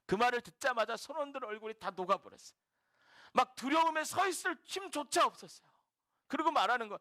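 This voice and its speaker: A male pastor giving a sermon as vivid, expressive storytelling. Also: extremely high pitch, brisk.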